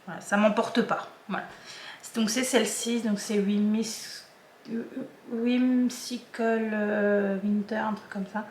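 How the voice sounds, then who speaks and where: A woman's voice: mid-range voice, little pitch movement, slow, a little mellow, reverberant, slight background noise. A woman vlogger chatting casually and hesitantly, with many fillers and restarts. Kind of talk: casual chat.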